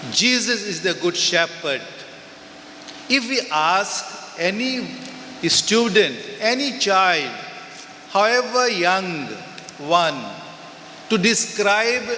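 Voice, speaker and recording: Speaking in short, measured phrases, a male priest with a Goan accent delivers the Gospel reading and homily from the pulpit of a large church. His high voice sounds pushed and bright, carried over the church speakers with a long echo and a bit of hiss or hum.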